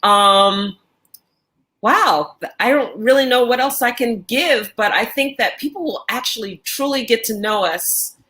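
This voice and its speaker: A woman's voice: a little high, measured pace, sharp tone. Woman host explaining with analogies. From New York. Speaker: life coach and host. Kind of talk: casual podcast chat.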